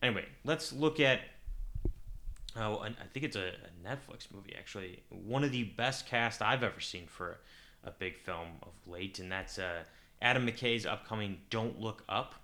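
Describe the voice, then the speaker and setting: A young man hosts a podcast alone, talking casually in a rambling way and often stopping to correct himself. His voice sits a little low but comes across bright and forceful. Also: normal speed. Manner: rambling, self-correcting, thinks aloud. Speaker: podcast host. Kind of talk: casual solo podcast chat.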